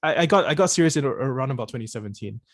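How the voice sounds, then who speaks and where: Man from Singapore, casual Q&A, halting with repeated words, mid-pitched voice, dry close sound. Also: animated, no room sound. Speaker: presenter of the course session. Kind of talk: casual conversational Q&A.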